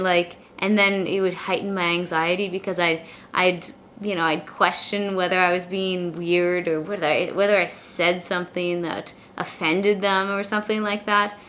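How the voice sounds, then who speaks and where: Bright-voiced woman with soft, W-like R's. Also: mid-range voice. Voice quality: soft, imperfect R sounds, leaning toward W. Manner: rambling, repeats words and phrases before finishing. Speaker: video blogger. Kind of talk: casual confessional chat to camera. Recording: clear background noise.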